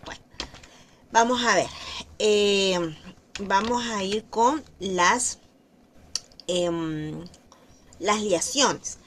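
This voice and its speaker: Very slow, patient woman teaching a class. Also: mid-range voice, a bit bright, a little hiss or hum. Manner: slow and patient, repeats words to model pronunciation. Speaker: French teacher. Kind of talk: online language class.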